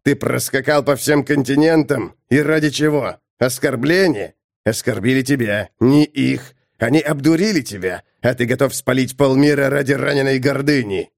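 A man's voice: mid-range voice, moderate pace, gravelly, no room sound, studio quality, close to an everyday voice. A man reading an audiobook, voicing a scornful, sneering male necromancer with a mocking tone. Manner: mocking, contemptuous.

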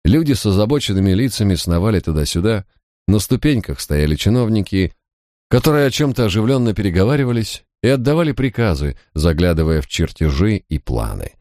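A man reading a historical novel aloud as a first-person audiobook narrator, in a measured, literary storytelling manner. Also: lowish voice, big pitch swings, warm tone, no echo, clean studio sound.

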